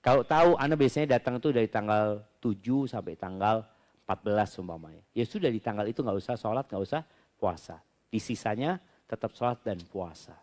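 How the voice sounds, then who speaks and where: A man working as an Islamic preacher who reads out audience questions and then answers them. He explains each point in a relaxed, conversational way during a question-and-answer religious talk. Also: lowish voice, a little fast.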